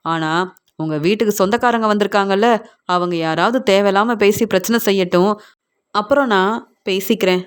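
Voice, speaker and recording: A woman with a smooth, clear voice retells a TV serial episode. She carries every character's lines herself in the same steady voice. Her pitch sits in a middle range. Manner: steady retelling of dialogue, linked by repeated narration phrases. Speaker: serial recap narrator. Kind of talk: retelling a TV serial episode, voicing all parts.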